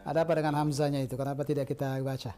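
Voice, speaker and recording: A man's voice: mid-range voice, flat delivery, racing, mellow. A man teaching an Arabic language lesson on air, patiently prompting and correcting his students.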